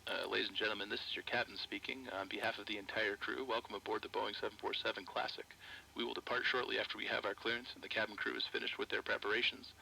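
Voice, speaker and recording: A man's voice: fairly low pitch, flat delivery, quick pace, creaky, pushed and bright, a little hiss or hum, exaggerated voice, poor audio. A man voicing an airline captain giving a scripted passenger announcement over the aircraft intercom. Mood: routine. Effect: cabin announcement over the aircraft intercom.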